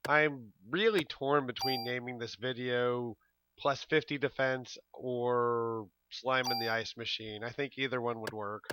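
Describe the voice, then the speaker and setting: A man's voice: medium pitch, fairly even intonation, unhurried, background noise. A man giving casual commentary over his game playthrough, laid-back, laughing often and swearing now and then. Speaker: let's play commentator.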